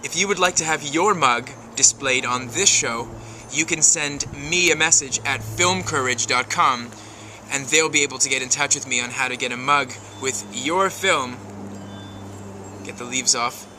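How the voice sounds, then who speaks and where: A man's voice: mid-range voice, moderate pace, pushed and bright, a little hiss or hum. A man hosting his video blog outdoors in his backyard, musing aloud in a chatty, self-promoting way. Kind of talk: casual vlog monologue.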